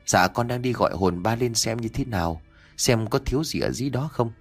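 A man voicing a skeptical but patient young husband in an audio story, speaking calmly and reassuringly. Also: lowish voice, brisk, slightly rough, faint music behind.

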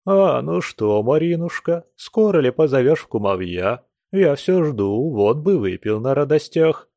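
A man's voice: medium pitch, very animated, a little slow, mellow, no echo, clean studio sound. A man voicing a maudlin drunken old house guest. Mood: drunken pleading. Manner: wailing, churchy pompous phrasing.

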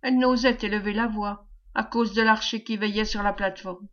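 A woman reading a novel aloud in an audiobook, narrating in a measured, dramatic way. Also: mid-range voice, steady tone. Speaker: audiobook reader. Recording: dull lo-fi recording.

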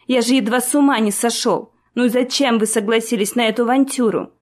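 A woman voicing a worried young prince who scolds and comforts his wife, speaking slowly and earnestly. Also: on the high side, a little mellow, natural voice. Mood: reproachful. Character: worried young prince, stern yet loving.

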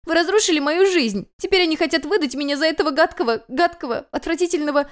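A woman voicing a young runaway noble girl in a storybook reading, high and indignant. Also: sing-song, fairly quick, darkish tone. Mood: sobbing outrage. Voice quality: high, shrill and pleading.

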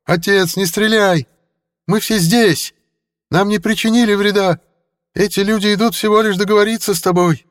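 A man voicing a young rancher's son shouting desperately to his father. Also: high-pitched, fairly even intonation, normal speed, in a large hall, pitched above the performer's own voice, close to an everyday voice. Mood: frantic shouting. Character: young male rancher's son, frantic and pleading.

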